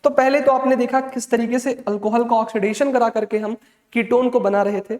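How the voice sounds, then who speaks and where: A man teaches chemistry in an online exam-prep lecture, fatherly and motivating, calling students "beta" and drilling key points again and again. His voice is very high-pitched, steady, a little fast and slightly mellow, and the room is echoey with long reverb.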